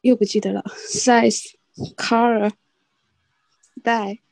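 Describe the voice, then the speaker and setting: A Mandarin-speaking woman reads English vocabulary slowly and haltingly, repeating words after her tutor. Her voice is mellow and dry, close to the mic. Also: a little high, level tone, vocal fry, no room sound, poor audio. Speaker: adult English student. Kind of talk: reading vocabulary aloud and repeating.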